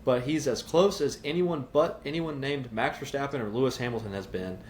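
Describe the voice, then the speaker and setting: A man's voice: mid-range voice, a little fast, darkish tone, slight background noise. Southern man arguing his point firmly. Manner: firm, argues his points at length. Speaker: podcast co-host. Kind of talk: casual debate on a podcast.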